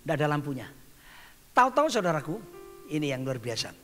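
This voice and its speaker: A middle-aged male pastor preaching a sermon, telling stories in an animated way and often calling out to the congregation. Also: fairly high pitch, fast talker, in a large hall, faint music behind.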